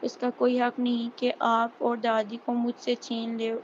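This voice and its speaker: A woman's voice: on the high side, natural voice. A woman reading as a spiteful jealous young woman. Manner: flat monotone reading. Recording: dull lo-fi recording with faint hiss.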